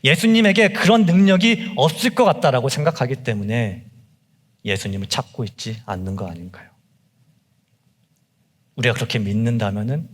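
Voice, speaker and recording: A young adult man preaching a sermon as a junior pastor, emphatic and impassioned, rising to cries then dropping low. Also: in a large hall. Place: church sanctuary.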